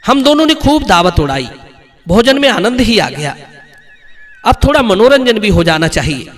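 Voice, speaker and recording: Brief: male narrator doing a cunning miserly merchant, hearty and coaxing, high lively voice. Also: moderate pace. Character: sly stingy middle-aged male merchant.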